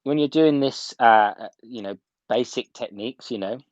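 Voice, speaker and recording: A man's voice: mid-range voice, moderate pace, no room sound, lo-fi sound. A man working as a hairdressing instructor gives an informal, step-by-step live tutorial, repeating key points for emphasis. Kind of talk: live video tutorial, casual step-by-step demonstration. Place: indoors at home.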